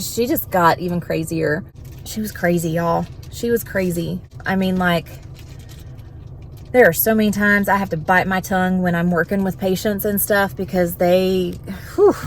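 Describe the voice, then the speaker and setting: A woman, a vlogger and home health worker telling an animated, exasperated story in casual venting style. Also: medium pitch, a little hiss or hum.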